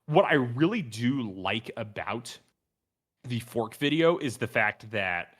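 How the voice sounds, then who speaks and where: A man's voice: medium pitch, big pitch swings, takes it slowly, fairly bright tone. A man hosting a casual review discussion, talking in an earnest, enthusiastic, wordy and analytical way. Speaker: podcast host.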